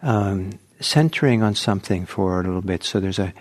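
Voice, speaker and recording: Gentle, low-voiced male meditation teacher. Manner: slow, gentle, pausing often. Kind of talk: guided meditation talk. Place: meditation center.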